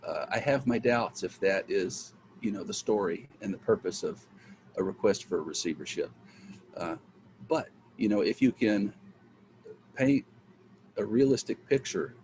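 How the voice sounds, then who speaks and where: A man's voice: on the low side, a little mellow, low-quality recording. A man speaking as a legal aid attorney on a conference panel, in a conversational way with lots of "you know" and "uh" fillers. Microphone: home computer mic on a video call. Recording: video call audio with faint background noise.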